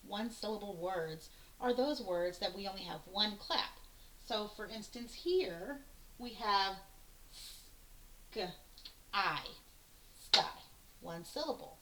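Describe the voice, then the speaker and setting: A woman teacher walks young children through a phonics lesson, sounding out each word slowly and patiently. Her voice sits at a middling pitch and carries the echo of a hard-walled room. A faint hiss runs under the recording. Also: a bit bright. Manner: slow, patient, sounding out words letter by letter.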